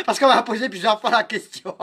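A man hosting a live-stream clothing sale, theatrically teasing and mock-insulting his viewers by name, swinging between muttering and shouting. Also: sits high, slightly rough. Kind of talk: live-selling stream chat.

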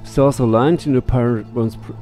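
Over faint game music, a let's play streamer who sounds middle-aged reads in-game text aloud and comments casually, muttering and tossing out swear words into his headset. He speaks at a normal speed in a mid-range, dark voice with fairly even intonation.

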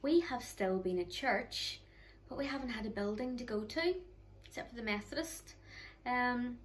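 A middle-aged woman with a Northern Irish accent, leading an online children's church talk from her living room. She speaks to the children directly in a warm, chatty, encouraging way into a close camera. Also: on the high side, moderate pace, slight background noise, rough recording. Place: living room at home, indoors.

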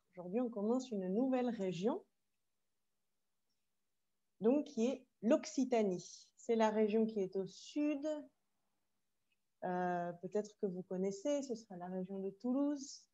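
Woman teacher, explaining slowly. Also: mid-range voice, dark tone, highs cut off. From France. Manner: slow, careful explaining with asides in Spanish. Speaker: French teacher. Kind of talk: online language workshop. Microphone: video call.

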